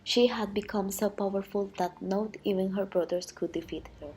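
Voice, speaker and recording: Mellow-voiced woman gravely narrating a myth. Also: mid-range voice, fairly even intonation, moderate pace, a little hiss or hum, low-quality recording. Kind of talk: scripted narration of an ancient myth.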